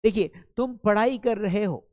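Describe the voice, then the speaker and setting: A man's voice: high voice, warm tone, dry recording. Dry-voiced male teacher quizzing students. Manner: repetitive quizzing, drills sentences slowly. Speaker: English teacher. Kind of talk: spoken English lesson.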